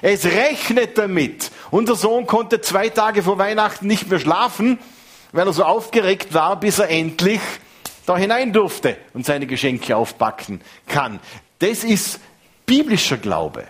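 Preacher, fifties, slightly high husky voice, conversational and lively. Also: male voice, a little slow. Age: 50s. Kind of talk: sermon.

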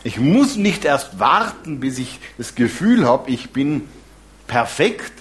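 A man preaching a sermon, lively and warm in his asides, with some self-deprecating humor. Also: mid-range voice, slow. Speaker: pastor.

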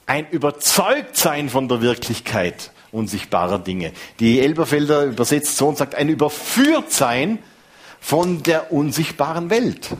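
Husky preacher in his fifties. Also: on the high side, measured pace. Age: 50s. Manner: conversational, lively preaching with restarts. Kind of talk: sermon.

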